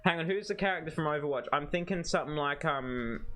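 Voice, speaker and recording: A man's voice: fairly high pitch, expressive, quick pace, bright, forceful tone, slight background noise. A man streaming a game, chatting casually and coaching his co-player on voices. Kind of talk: casual chat while playing a game.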